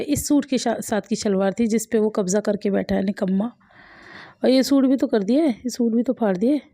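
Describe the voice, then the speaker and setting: Woman, family vlogger from India; mellow, slightly high voice; casual, self-mocking chatter with frequent laughs. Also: dry recording, clean studio sound. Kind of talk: casual voice-over chat.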